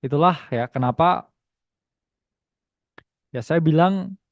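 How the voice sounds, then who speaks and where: A man's voice: fairly high pitch, slow, no echo, highs cut off. A young man with an Indonesian accent hosts an online trading webinar in a casual, teasing way, reading the chat aloud and tagging his lines with "ya". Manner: chatty, teasing, reads chat aloud, many tag "ya". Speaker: webinar host and trading teacher.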